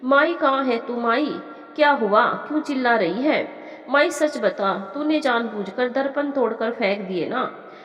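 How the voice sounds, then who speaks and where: A woman's voice: on the high side, animated, measured pace, dull audio. A woman voicing a hurt young village girl in a storybook tale, asking insistent, pleading questions, in an echoey room. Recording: echoey room with long reverb.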